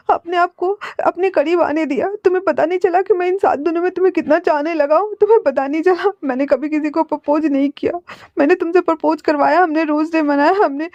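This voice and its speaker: A woman doing a crying jealous young guy in a fanfic story, high and pleading, kinda muffled audio. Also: mellow, no room sound. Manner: pleading, repetitive tearful protests. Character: young man, heartbroken jealous lover, sobbing. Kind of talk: fan fiction story narration. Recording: dull lo-fi audio.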